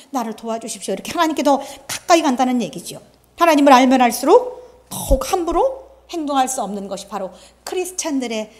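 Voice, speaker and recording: A middle-aged woman with a high voice delivers a Sunday sermon from the pulpit. She preaches earnestly and conversationally, telling stories and acting out the lines she quotes. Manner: earnest, storytelling with acted-out quotes. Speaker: pastor.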